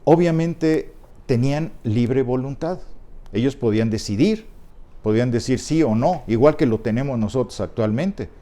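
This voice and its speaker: A man's voice: mid-range voice, lively intonation, normal speed, dark tone. A middle-aged pastor with a Mexican Spanish accent, preaching a sermon and explaining his point with repeated key words.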